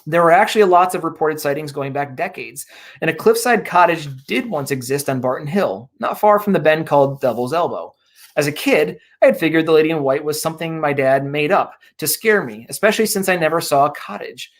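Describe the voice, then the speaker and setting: A man from upstate New York, an author reading his own horror story aloud over a video call and then chatting in a Q&A. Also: on the high side. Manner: measured reading; chatty with fillers in talk.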